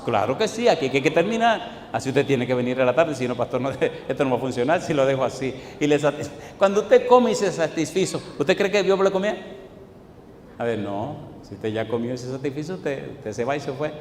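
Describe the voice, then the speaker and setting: A male pastor preaching a sermon in a church, firing rhetorical questions at the congregation and swinging between loud declaiming and quiet asides. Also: medium pitch, expressive, fairly quick, slight background noise. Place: church sanctuary. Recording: echoey church hall with long reverb.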